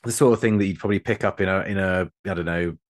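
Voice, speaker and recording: A British man with a very low voice, co-hosting a casual podcast. He rambles, restarts his sentences and jokes at his own expense. The sound is dry and close. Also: very fast, dry recording. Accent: British English. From England. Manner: rambling and self-deprecating, with repeated restarts. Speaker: podcast co-host. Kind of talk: casual chat.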